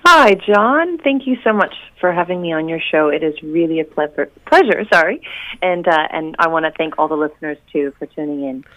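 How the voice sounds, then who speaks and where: A woman from Oregon, whose American accent carries a slight New Zealand tinge, chats bubbly as a musician guest in a casual interview, laughing often and using many fillers. Her voice is low-pitched and fairly bright, with lively intonation and a slightly fast pace. She's at home in New Zealand on a call, and the phone line sounds tinny.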